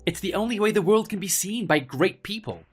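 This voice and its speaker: An actor playing an arrogant, spoiled young heir who bullies office workers in a dramatized story, with a mocking, pompous manner. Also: male voice, mid-range voice, big pitch swings, normal speed, soft background music. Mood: haughty. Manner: mocking, pompous, loud swings of emphasis.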